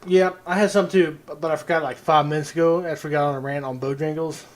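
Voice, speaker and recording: A young man with an Appalachian accent, co-hosting a podcast in casual chat, playful and quick to tease. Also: a little high, steady tone. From rural Appalachia. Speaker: podcast co-host.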